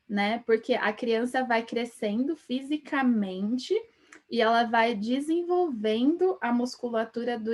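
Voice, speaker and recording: This young English teacher from Brazil has a fairly high, slightly mellow voice and an interior São Paulo Portuguese accent. Her live-stream lesson is chatty and full of laughter, with lines often ending in tag questions.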